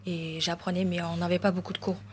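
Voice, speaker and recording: A young woman for whom French is not her first language speaks hesitantly, in simple phrases. Her voice sits somewhat low. The setting is a casual group discussion. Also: level tone, fast talker, a little mellow, slight background noise.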